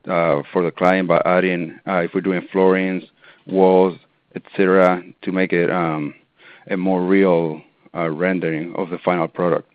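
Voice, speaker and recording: Deep-voiced man from Argentina, hesitant. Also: little pitch movement, normal speed, dry recording. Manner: hesitant, with many ums and restarts. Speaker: interior designer guest. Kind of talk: casual interview answers. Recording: tinny phone-line audio.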